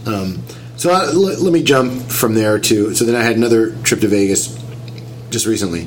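Still getting over a cold, this man sounds nasal and a bit whiny as he chats casually, narrating a story and explaining things step by step. His fairly low, expressive voice moves at normal speed. The audio is poor, with slight background noise.

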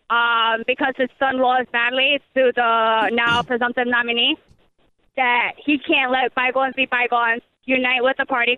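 Indignant female caller, high voice, tinny AM-radio phone line. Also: smooth. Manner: indignant, emphatic. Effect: narrow phone line over AM radio. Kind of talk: political talk radio call-in. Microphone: telephone.

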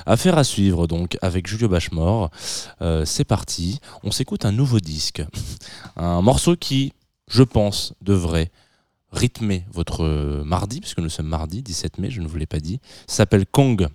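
A man's voice: low-pitched, lively intonation, a little slow, dark tone, no echo, clean studio sound. A man hosting a music show on the radio, presenting tracks in a chatty, enthusiastic way with a light self-mocking humor. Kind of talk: casual on-air music presentation.

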